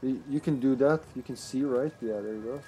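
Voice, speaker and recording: Playful, excitable male game streamer, mellow tone. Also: mid-range voice, a little fast, slight background noise, rough recording. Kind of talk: casual chat while playing a co-op game.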